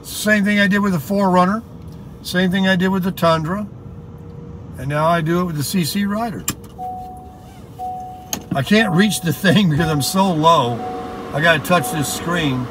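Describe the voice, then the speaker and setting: Talking casually to camera, an American man rambles through his explanations at a moderate pace, leaving long pauses in his high-pitched voice. The setting shifts between a car and an outdoor parking lot, with clear background noise from both.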